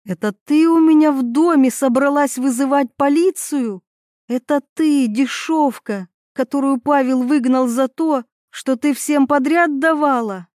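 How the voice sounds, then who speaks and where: A woman's voice: high voice, a little slow, hardly any pauses, darkish tone, no room sound, studio quality, pitched above the performer's own voice. A woman voicing a hysterical, jealous young woman who screams insults in a storybook reading. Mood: shrieking furious.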